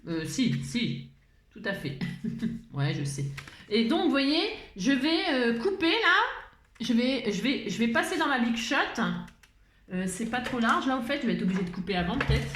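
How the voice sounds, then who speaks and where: A woman with a fairly high, sing-song, slightly bright voice hosts a casual crafting tutorial at normal speed. She rambles, often changes her mind mid-sentence, and chuckles a lot. The recording has a roomy echo and faint background noise.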